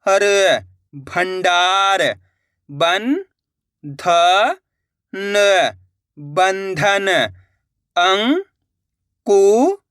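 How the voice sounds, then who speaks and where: Slow, bright-voiced man teaching reading. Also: high-pitched, no echo, clean studio sound. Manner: sounds out syllables slowly, then blends them; addresses viewers as friends, encouraging. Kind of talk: spoken reading lesson.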